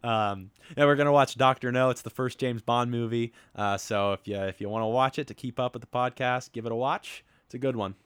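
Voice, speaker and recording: A man co-hosting a casual movie-review podcast, rambling with lots of ums and quick laughs. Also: medium pitch, a bit bright, clean tone, no room sound, clean studio sound. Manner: laughs often, rambling with many ums and uhs. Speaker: podcast co-host.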